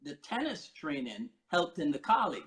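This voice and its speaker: Host: man from Barbados, high voice, playful, teasing. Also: sing-song, normal speed, fairly bright tone, poor audio. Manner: playful and teasing, reads notes aloud. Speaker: podcast host. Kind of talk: casual interview questioning.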